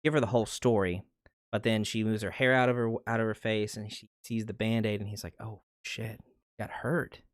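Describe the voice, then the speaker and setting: A young man giving a casual, rambling movie review, excitable and swearing freely. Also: fairly low pitch, fast talker, smooth, no echo, studio quality. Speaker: channel host.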